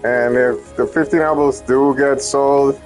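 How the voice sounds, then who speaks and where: This young man, Puerto Rican and a first-language Spanish speaker, wanders through news about his ROM hacks with jokes and self-interruptions. His medium-pitched voice keeps fairly even intonation at a measured pace, with soft music in the background.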